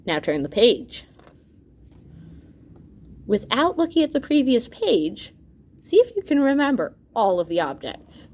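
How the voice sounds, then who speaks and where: Reading an educational book to her students, this teacher speaks in a slightly high voice at a measured pace, pausing often. She stays expressive and lively, turning to the listeners with asides and exclamations.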